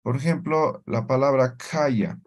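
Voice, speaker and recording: Slow, deliberate male language teacher. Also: medium pitch, muffled recording. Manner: slow, deliberate, checks in with tag questions. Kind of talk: explaining a language lesson.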